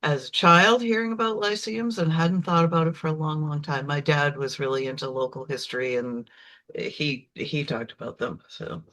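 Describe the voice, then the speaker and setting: An older woman, a retired geologist, introducing herself in a plain, thoughtful, measured way. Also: low voice, steady tone, fairly bright tone. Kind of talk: self-introduction in a group discussion.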